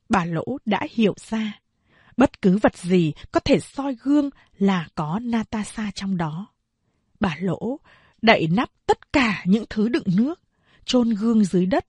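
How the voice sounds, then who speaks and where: A woman narrating an audiobook of a novel in a slow, steady storytelling voice. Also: mid-range voice, breathy edge, no echo.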